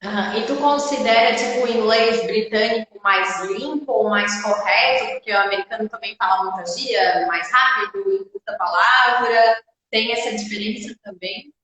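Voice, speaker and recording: Bright-voiced woman in an echoey room. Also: mid-range voice, moderate pace. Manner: asks curious questions, repeats words when prompted. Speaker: interviewer. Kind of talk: interview questions. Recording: very echoey room with long reverb.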